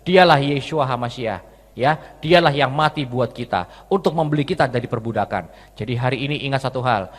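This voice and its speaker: A man's voice: medium pitch, fairly quick. A male preacher giving a sermon with personal stories, in a conversational tone, repeatedly addressing his listeners as friends. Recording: long hall reverb.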